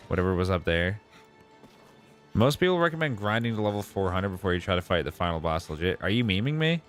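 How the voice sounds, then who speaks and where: Male game streamer, low voice, casual commentary, talks to his viewers, light music behind. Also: a bit bright. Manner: reads and answers viewers' messages aloud. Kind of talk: casual live gameplay commentary.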